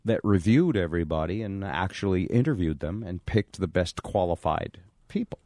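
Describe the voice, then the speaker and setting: A man's voice: low-pitched, expressive, moderate pace, warm tone, no echo, clean studio sound. A man hosting a radio show, talking and reading to listeners. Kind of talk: radio talk and live-read ads.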